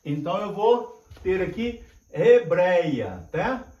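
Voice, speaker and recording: An older man teaching at a whiteboard, explaining slowly and repeating each point while checking that his students follow. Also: high-pitched, very animated, a little mellow, far from the mic, dull audio. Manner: slow, repetitive, drawn-out explaining with frequent checks. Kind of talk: classroom lecture at a whiteboard. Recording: echoey room.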